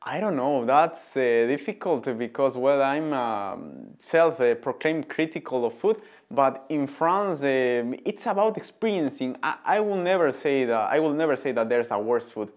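A man's voice: mid-range voice, animated, a little slow, few pauses. A man in his twenties from Ecuador with a Spanish accent, answering interview questions thoughtfully with many fillers, seated in a studio. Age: 20s. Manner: thoughtful, hesitant with frequent fillers. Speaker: interviewed student. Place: indoor studio before a printed backdrop.

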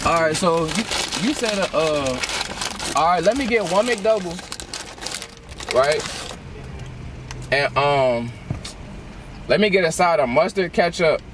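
A man's voice: on the high side, animated, takes it slowly, pauses often. A young adult man chatting casually and rambling in slang as a prankster customer at a drive-through, recorded inside a car. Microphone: handheld camera in the car. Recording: noisy car interior.

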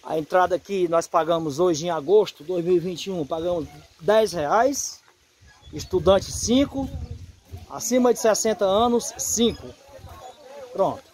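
A man, vlogging excitedly outdoors at a water park, shouting cheerfully and praising God. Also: high voice, a little slow. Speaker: YouTuber and pastor. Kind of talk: casual vlog narration.

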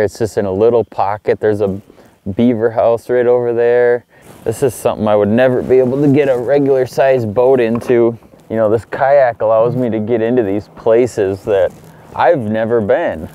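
Brief: middle-aged male fishing host, low mellow voice, easygoing outdoor how-to. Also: normal speed. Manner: relaxed, upbeat, excited exclamations when fish bite. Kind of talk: casual on-the-water fishing tutorial. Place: outdoors on a kayak on a small lake.

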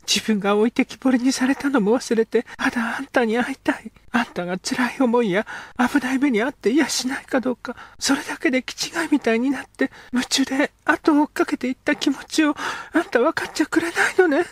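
A man voicing an earnest young Edo girl in an audiobook, speaking in pleading, breathy half-whispers. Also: extremely high pitch, fairly quick, hardly any pauses, voice pushed up. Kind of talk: audiobook character voice.

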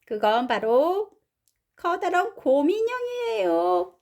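A woman voicing a cheerful, excited little baby in a picture-book read-aloud, reading slowly and brightly. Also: very high-pitched, pitched above the performer's own voice, exaggerated voice. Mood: delighted.

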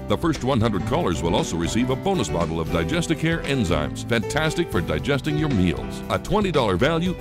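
Male announcer for hard-sell infomercial narration, lively swooping delivery over a music bed. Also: mid-range voice. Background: music bed with guitar.

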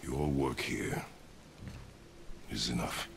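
An actor playing a grim, terse warrior god, speaking in a gruff, gravelly, very deep voice. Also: male voice, steady tone, slow, heavily acted. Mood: stern. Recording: reverberant game audio with background noise.

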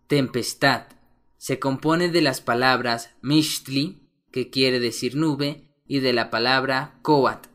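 A man's voice: mid-range voice, fairly bright tone. A man teaching a language lesson, carefully pronouncing words and giving their meanings one by one. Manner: slow, careful enunciation of vocabulary. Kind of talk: slow, deliberate language lesson.

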